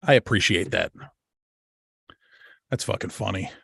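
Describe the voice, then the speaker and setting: A man's voice: sits low, measured pace, vocal fry, a bit bright, slightly rough, dry recording, clean studio sound. A middle-aged man from New York, hosting his own show, telling stories in a casual monologue with blunt, profane jokes. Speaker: show host.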